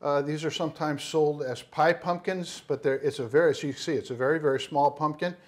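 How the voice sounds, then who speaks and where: A man's voice: fairly high pitch, fairly even intonation, a little fast. Rambling man demoing a curry. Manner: rambling, many fillers and restarts. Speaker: spice shop owner doing a cooking demo. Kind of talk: casual cooking demonstration. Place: studio kitchen set, indoors. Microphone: lapel mic.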